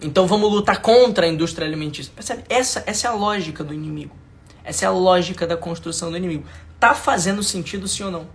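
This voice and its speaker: In a live online class, a man with a Brazilian Portuguese accent mentors his audience, his voice sitting high as he talks fast. He is emphatic and slangy, repeating lines, speaking directly to viewers and checking whether they follow.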